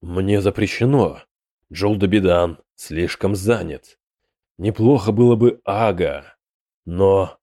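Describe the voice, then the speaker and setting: A man voicing a hot-tempered rotting demon prince who speaks in sharp, fierce outbursts. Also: low-pitched, takes it slowly, dry recording, clean studio sound, exaggerated voice. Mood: cold.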